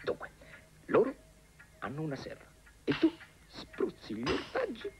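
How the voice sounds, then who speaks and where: Leopoldo, a chuckling old inventor. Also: male voice, fairly high pitch, wildly swooping pitch, measured pace, noisy background. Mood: boastful chuckling. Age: older. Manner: chuckling, boastful. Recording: dull old film soundtrack.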